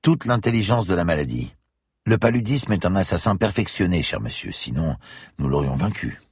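Guy doing a stiff science prof lecturing, husky voice, bit higher than his own, bouncy pitch. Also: sing-song, brisk, darkish tone, no room sound, studio quality, exaggerated voice. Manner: lecturing, precise. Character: grave, pedantic male parasitology professor.

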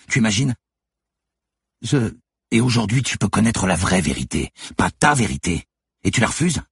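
A man's voice: extremely low pitch, slightly rough, no room sound, studio quality, heavily acted. A man voicing a weary young policewoman, firm and compassionate, speaking through tears. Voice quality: tearful, insistent.

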